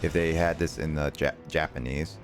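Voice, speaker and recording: A deep-voiced young man talks over faint game music as he streams. His commentary is casual and rambling, full of hesitant thinking aloud. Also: steady tone, normal speed. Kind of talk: casual live gameplay commentary.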